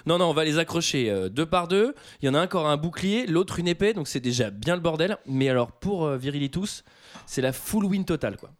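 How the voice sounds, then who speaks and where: Male podcast host, jokey and animated, acts out scenes while recapping a film. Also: fairly high pitch, fairly quick. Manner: animated, joking, mimics characters mid-story. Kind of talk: casual comedic film chat.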